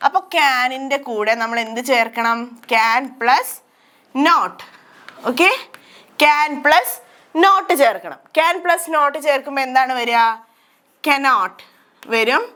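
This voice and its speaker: High bright Malayali woman teaching. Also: animated, slow. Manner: repeats questions and answers them herself. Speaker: English teacher. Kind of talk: grammar lesson explained in Malayalam.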